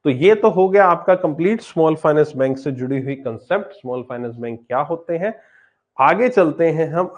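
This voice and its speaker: A man's voice: fairly high pitch, muffled recording. A man teaching a banking exam class live online, talking casually and answering students' chat questions as he goes.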